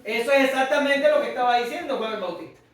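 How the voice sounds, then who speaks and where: A Cuban man preaching a sermon with a Cuban Spanish accent, speaking emphatically and sometimes shouting, addressing his congregation directly. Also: very high voice, quick pace, very echoey, distant mic, poor audio. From Cuba. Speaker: pastor. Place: church.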